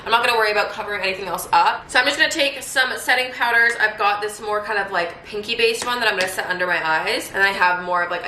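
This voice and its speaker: Chatting through a makeup tutorial from her home room in quarantine, this twenty-something vlogger has a sharp, medium-pitched voice. Her talk is upbeat and casual with lots of fillers, recorded in an echoey space with a little background noise.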